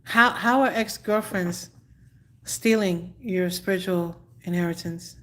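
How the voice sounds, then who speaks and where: A woman's voice: on the low side, slow pace. A woman tarot reader on a live stream, answering viewers bluntly but apologetically and repeating her advice.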